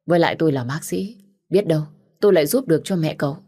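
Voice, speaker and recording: A woman voicing a calm, firm male doctor. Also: deep voice, husky. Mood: steady. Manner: steady, measured explaining. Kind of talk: audiobook character reading.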